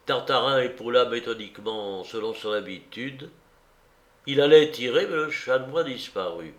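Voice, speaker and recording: A man narrating a story aloud in a measured, expressive way. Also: medium pitch. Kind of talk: audiobook narration. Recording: roomy echo.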